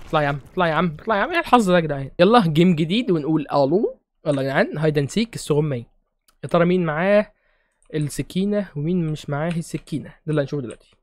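A young man with an Egyptian Arabic accent giving excitable, joking let's-play commentary while he plays, shouting at other players. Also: on the high side, very fast, dry recording, studio quality. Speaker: gaming streamer.

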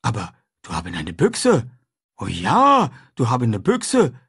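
A man's voice: mid-range voice, huge pitch swings, measured pace, creaky, a bit bright, husky, heavily acted. A man voicing a frightened, hungry grown man who talks in broken, ungrammatical speech, in an audiobook. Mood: eager plain. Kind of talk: audiobook character voice.

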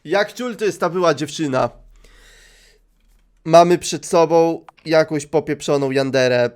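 A man's voice: fairly high pitch, measured pace, darkish tone, clean tone. A young man giving a joking, sarcastic let's play commentary on a game and swearing casually. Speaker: gaming youtuber.

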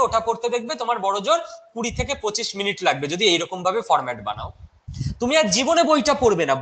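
A man's voice: sits high, sharp tone, poor audio. A young man with a Bengali accent teaching a live online exam-prep class, chatty and mixing in English terms while answering viewers' questions.

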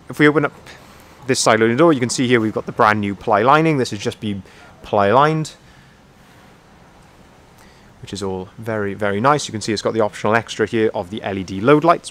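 A man who manages van sales, giving a walk-around tour of a van outdoors at a dealership while filming it by hand. He talks in a relaxed sales patter with plenty of fillers. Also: on the low side. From Wales. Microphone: camera held by the speaker, filming by hand.

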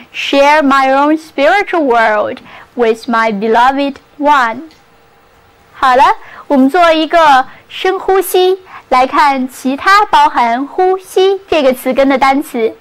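A woman teaching English vocabulary in a scripted lesson, spelling words letter by letter and repeating example sentences slowly. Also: high voice, low-quality recording.

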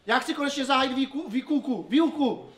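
A man's voice: very high-pitched, recorded from a distance. A man playing an exasperated, foul-mouthed music teacher in an improvised sketch, bossy and tripping over his words.

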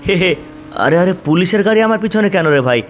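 A man's voice: sits high, lively intonation, fast, soft background music. A man voicing a game character in a comic skit, chatting in a bewildered way to viewers. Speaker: game video voice-over.

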